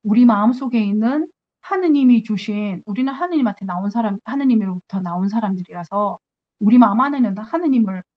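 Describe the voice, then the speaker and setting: Earnest nun giving a spiritual talk. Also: female voice, medium pitch, expressive, brisk, muffled recording. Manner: earnest, acts out her own prayers to God.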